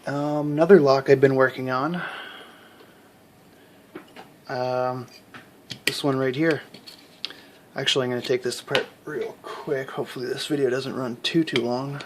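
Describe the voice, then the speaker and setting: A man's voice: mid-range voice, fairly even intonation, unhurried, pauses often, noisy background. A man, a hobby lock picker, casually showing his collection to camera at home, rambling with lots of fillers and restarts. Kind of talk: casual show-and-tell.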